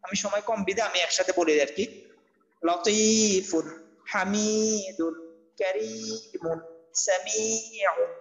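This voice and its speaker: A man teaching an online tajweed class, who spells Arabic letters and vowel marks one by one in a slow, repetitive chant. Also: sits high, fairly bright tone, poor audio. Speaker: Quran recitation teacher.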